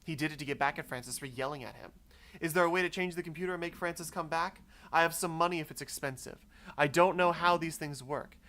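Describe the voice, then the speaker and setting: A man's voice: on the high side, fast talker, sharp tone, voice pushed up. A man reading out a grieving widow's letter in a silly put-on voice. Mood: earnest pleading.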